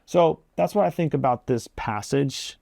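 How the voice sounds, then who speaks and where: A man's voice: mid-range voice, moderate pace, creaky, a little mellow, no room sound, clean studio sound. A man hosting his own video, giving a casual, earnest devotional talk in plain everyday language. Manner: conversational, plain-spoken, earnest. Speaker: video host.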